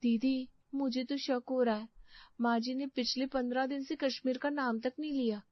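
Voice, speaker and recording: A woman's voice: high-pitched, fairly even intonation, moderate pace, no echo, highs cut off, voice pushed up, close to an everyday voice. A woman voicing a trusting young daughter-in-law who talks earnestly. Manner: earnest, pleading.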